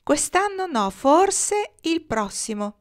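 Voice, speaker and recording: A woman voicing a young boy flying with wild geese, calling back his answers in a drawn-out, sing-song refrain. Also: very high-pitched, big pitch swings, pitched above the performer's own voice, full character voice. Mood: calling, firm.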